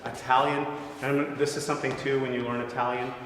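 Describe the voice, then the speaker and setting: A man's voice: mid-range voice, flat delivery, brisk, a bit bright. Man teaching voice in an echoey hall. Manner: conversational, often checks in with "right?". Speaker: voice teacher leading a masterclass. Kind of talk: masterclass teaching. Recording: echoey hall with long reverb, faint noise.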